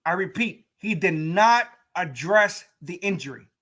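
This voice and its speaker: A man hosting a casual sports talk show, speaking in an animated way, repeating himself and talking straight to his listeners. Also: high voice, a little slow.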